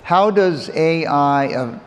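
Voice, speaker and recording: A man moderating an interview on a conference stage, putting questions to his guest in a measured way and relaying questions from the audience. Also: on the high side, expressive. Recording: hall reverb with faint noise.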